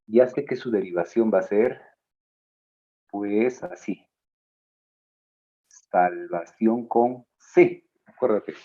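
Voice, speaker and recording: A male teacher giving a spelling lesson, drawing out his words slowly and adding playful asides to his students. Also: mid-range voice, husky, lo-fi sound. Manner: slow, drawn-out words, playful asides to the listener.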